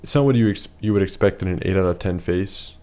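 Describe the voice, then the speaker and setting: Male presenter with a deep, hoarse voice, for a plain analytical voice-over. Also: fast, warm tone. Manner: matter-of-fact, rating things one by one. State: losing his voice.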